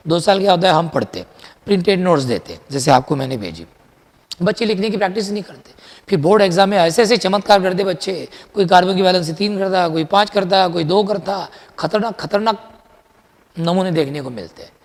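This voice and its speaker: A man teaching a chemistry lecture in a lively, chatty way, quizzing his students as he goes. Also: high-pitched, long reverb tail. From India. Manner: lively, chatty, mixes Hindi with English terms, quizzes students. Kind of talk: classroom lecture.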